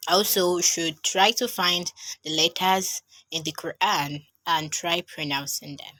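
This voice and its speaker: A woman's voice: on the low side, sharp tone. A woman teaching Quran recitation in an online lesson, patiently repeating each letter sound several times to demonstrate it.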